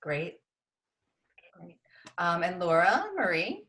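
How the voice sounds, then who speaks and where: A woman's voice: on the low side, very animated, slow pace, fairly bright tone. A woman hosting a parents' video call, giving brief, upbeat acknowledgements as she calls on each person. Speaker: meeting host.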